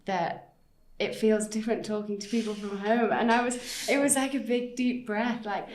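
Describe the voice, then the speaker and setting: A woman's voice: mid-range voice, steady tone, normal speed, echoey room, slight background noise. A woman from England with an English accent, co-hosting a casual podcast chat as an English teacher, joking and laughing often.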